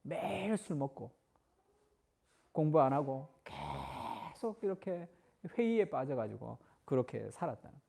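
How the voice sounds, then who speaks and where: A man preaching a sermon as pastor, telling stories and acting out the quoted lines with shifting loudness. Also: a little high, vocal fry.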